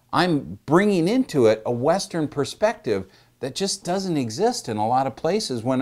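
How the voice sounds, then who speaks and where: A man's voice: medium pitch, darkish tone. A man teaching about the Bible in a loose, conversational way, with frequent "you know" asides and restarted phrases.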